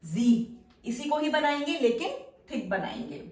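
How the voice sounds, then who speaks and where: A woman's voice: high voice, big pitch swings, unhurried, recorded from a distance. A woman teaching a shorthand lesson at a whiteboard, patiently checking that her students follow. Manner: patient, checks understanding often. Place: roomy classroom-like space, drawing with a marker. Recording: echoey room, voice heard from afar.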